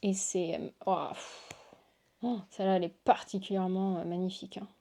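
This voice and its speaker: A woman's voice: medium pitch, steady tone, a little fast, vocal fry, mellow. A woman hosting a casual unboxing chat, gushing and exclamatory as she shows cards to her viewers. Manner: gushing, exclamatory, lots of waouh and oh là là. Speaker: tarot reader and channel host.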